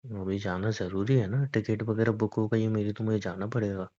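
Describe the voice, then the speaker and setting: A man plays a stubborn, teasing young boyfriend in a romantic phone-call roleplay, defending his boys' trip in an argumentative, coaxing casual conversation. His natural voice is on the low side and warm, with fairly even intonation at a normal speed, heard through a dull lo-fi phone recording.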